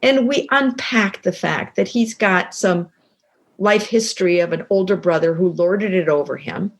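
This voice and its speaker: A woman's voice: on the low side, measured pace. A middle-aged woman talks as a guest on an interview show. She tells a personal story with energy, acting out the lines of each person in it. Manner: animated storyteller, acts out quoted dialogue. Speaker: guest, co-author and professor.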